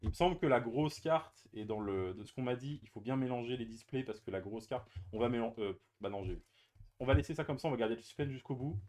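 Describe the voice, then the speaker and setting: Mellow-voiced French-speaking man opening cards. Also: mid-range voice, quick pace. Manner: chatty, hesitant, many fillers and restarts. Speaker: card-opening YouTuber. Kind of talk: casual unboxing commentary.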